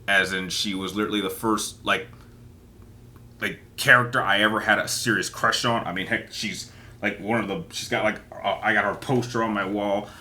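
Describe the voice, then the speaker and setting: A man with a fairly low but bright, forceful voice hosts a casual solo round of kiss-marry-kill. He thinks aloud in a rambling, hesitant way, circling back and repeating words as he explains his choices. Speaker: host.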